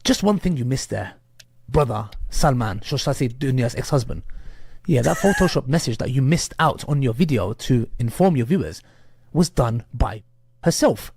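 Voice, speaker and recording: A man addressing his viewers as brothers and sisters in an animated, sarcastic manner. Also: medium pitch, moderate pace, creaky, husky. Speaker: online preacher addressing viewers.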